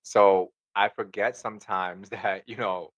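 A man's voice: fairly low pitch, fairly even intonation, unhurried, a bit bright, low-quality recording. A young man, a podcast co-host, chatting casually and tagging his sentences with "you know" and "right?". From Dominican heritage, New York City. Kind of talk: casual chat.

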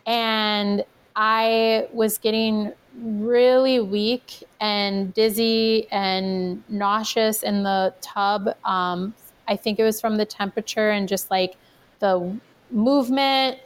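Chatty young woman with a smooth voice. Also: medium pitch, steady tone, slow. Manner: chatty, fills speech with "like". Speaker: podcast guest. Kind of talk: personal storytelling in casual conversation.

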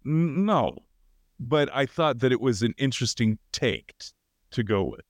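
A man's voice: mid-range voice, expressive, normal speed, dry recording. A man co-hosting a casual film podcast, talking loosely with many fillers and restarts. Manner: loose, hesitant, lots of fillers. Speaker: podcast co-host.

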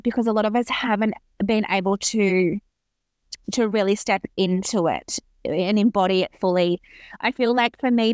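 In a relaxed interview conversation, a thirty-something woman guesting on a podcast reflects earnestly on what she's been through, frequently starting her thoughts over. Her voice sits in the mid-range, and the sound is clean studio audio with no room sound.

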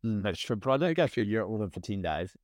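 A man with a broad Kiwi accent and a fairly low voice talks casually. He rambles, circles back over his own phrases and leans on laid-back slang. The sound is dry, with little room on it. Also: sing-song, fast, no echo. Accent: New Zealand. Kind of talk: casual chat.

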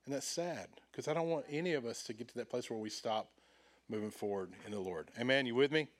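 A middle-aged man, a pastor preaching a sermon in church, animated and acting out quoted voices with swings in loudness. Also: mid-range voice, fast.

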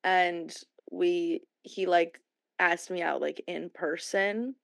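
A hungover American woman in her twenties with a worn voice and vocal fry, chatting casually as a podcast co-host. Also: lowish voice, fairly even intonation, slow pace, dry recording. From San Francisco Bay Area, USA. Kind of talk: casual chat.

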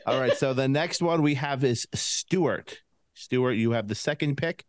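A man's voice: mid-range voice, a little slow, dry recording. A man with a lisp hosting a casual podcast game, laughing often as he runs the draft.

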